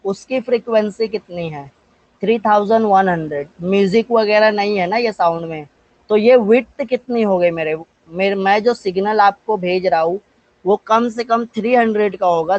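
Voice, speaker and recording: A man from India teaching physics with an Indian accent in a live online class, asking and answering his own questions, slowing down to dictate English definitions and calling on students by name. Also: high-pitched, no echo, muffled recording.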